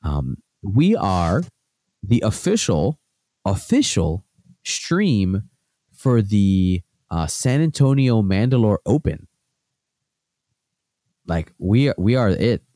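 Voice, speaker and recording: A man co-hosting a podcast in casual chat, sounding nasal from a cold, relaxed and chuckling with lots of fillers. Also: lowish voice, slow, pauses often, no room sound, studio quality. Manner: laid-back, chuckling, filler-heavy. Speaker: podcast co-host.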